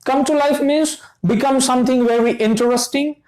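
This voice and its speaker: A woman's voice: high voice, fairly even intonation, moderate pace, a little mellow, low-quality recording. A woman teaching a lesson, patiently repeating each phrase and checking in with "okay" before she explains it. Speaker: English teacher.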